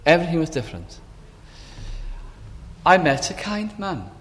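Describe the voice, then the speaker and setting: A man preaching a sermon, telling a personal story slowly and deliberately. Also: fairly high pitch, very animated. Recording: long hall reverb.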